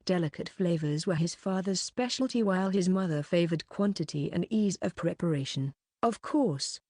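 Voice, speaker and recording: Low-voiced woman reading a light novel. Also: mellow, no echo, studio quality. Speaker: audiobook reader.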